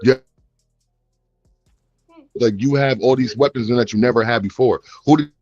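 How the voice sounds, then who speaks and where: A man's voice: mid-range voice, normal speed, darkish tone, dry recording, muffled recording, faint music behind. A man on a sports panel, arguing his points emphatically and insistently. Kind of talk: casual sports chat.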